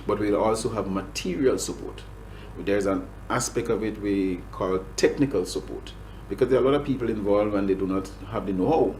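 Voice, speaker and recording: Speaking fairly quickly, a Grenadian man in the role of government agriculture official answers interview questions in a very low, slightly mellow voice. The rough recording has a faint hum, and his speech is hesitant, with many restarts and "um" fillers.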